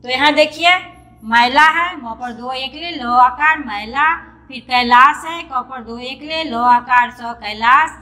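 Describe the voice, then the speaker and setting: A woman's voice: high voice, takes it slowly, sharp tone. A woman teacher giving an online lesson to young children. She is patient and repeats herself often, spelling out words letter by letter. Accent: Indian, Hindi. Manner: patient and repetitive, calls pupils "beta", spells words out letter by letter. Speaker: primary school teacher.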